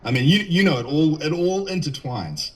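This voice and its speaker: A man's voice: a little high, lively intonation, moderate pace, a crowd in the background. A man from New Zealand with a New Zealand accent, a podcast guest talking in an easygoing, loose and chatty way. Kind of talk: casual podcast chat.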